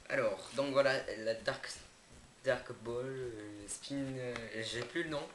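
A man's voice: mid-range voice, takes it slowly. Young guy doing an unboxing vlog, lots of euh and restarts, echoey room with packaging crinkle in the back. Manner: hesitant, many fillers and self-corrections. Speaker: YouTuber unboxing products. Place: indoors, not at his home. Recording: echoey room, noisy background. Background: crinkling packaging and clicks.

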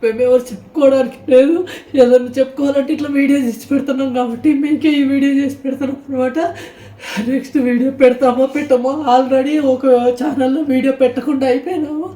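A man gives an emotional farewell vlog, speaking in a tearful, halting way. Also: very high-pitched, fairly even intonation, dark tone, echoey room. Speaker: vlogger.

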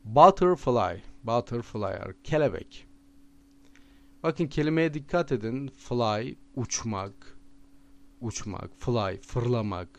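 A man with a Turkish accent teaching vocabulary with memory tricks, repeating each word slowly and stressing it. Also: medium pitch, expressive, gravelly. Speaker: language teacher.

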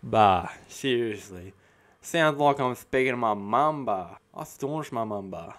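A man's voice: mid-range voice, animated, unhurried, fairly bright tone. A young man in his twenties with an Australian accent, playing a cocky, combative eshay lout in comedic commentary full of eshay slang. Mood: defiant, cocky. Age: 20s. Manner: eshay slang, tacks 'bah' onto sentences. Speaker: comedy host reacting to a chatbot. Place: small room at home, indoors. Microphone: close studio mic on boom arm.

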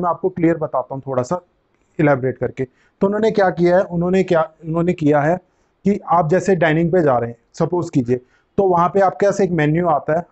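A man's voice: on the high side, darkish tone, highs cut off. A young man hosting his own channel, explaining things casually to the camera in a living room on a lapel mic, gesturing and repeating phrases as he goes. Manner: gestures with both hands while talking, repeats phrases. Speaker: channel host.

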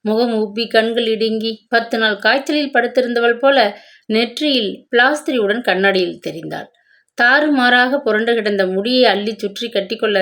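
A woman reading a romance novel aloud with steady, measured narration. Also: on the high side. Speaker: storyteller.

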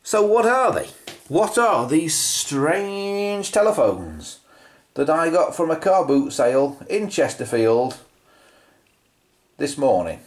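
Speaking slowly and very animatedly, this British presenter of a vintage telephone video has a voice on the high side. His hands-on show-and-tell is unscripted, full of musing and rhetorical questions.

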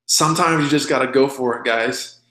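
A man's voice: mid-range voice, fairly quick, bright, forceful tone. Blunt folksy man in his thirties, echoey. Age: 30s. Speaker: presenter. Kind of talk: recorded sales webinar.

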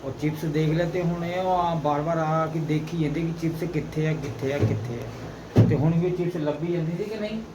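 A man with a Punjabi accent and a slightly high voice talks a little fast while filming along for his wife's home vlog. He chats casually and repeats phrases for emphasis, and the handheld recording is noisy.

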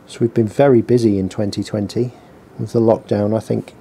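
A man's voice: fairly low pitch, fairly even intonation, a little fast, mellow, slight background noise. A man talking casually in a workshop vlog, rambling with dry, self-deprecating humour while he works at his bench. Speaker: small business owner blogging his work. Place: workshop with a heater running. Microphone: mic on the bench below him.

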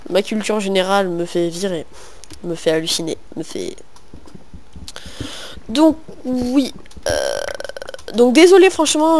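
A man's voice: high-pitched, darkish tone. Joking French boy playing a game. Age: young teen, in middle school. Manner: joking, rambling, talks to himself and his viewers. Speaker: gaming video host. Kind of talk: casual let's-play commentary. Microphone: home computer microphone.

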